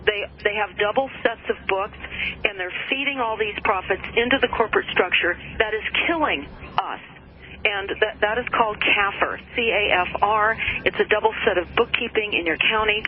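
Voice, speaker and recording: A woman from the United States speaking as a radio show guest, earnest and alarmed about conspiracies, with halting ums. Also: medium pitch. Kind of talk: talk radio commentary. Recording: dull phone-in audio with noise.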